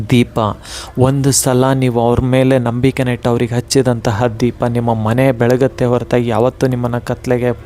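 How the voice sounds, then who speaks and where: A man's voice: mid-range voice, darkish tone. A man giving an earnest, emotional devotional motivational talk, repeating phrases for emphasis.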